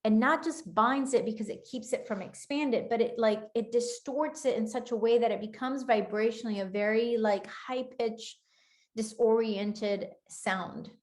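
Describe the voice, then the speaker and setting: A woman's voice: on the high side, darkish tone. Earnest woman with a Spanish accent. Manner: earnest, flowing, often slowing to stress words. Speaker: spiritual teacher. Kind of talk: channeled spiritual talk.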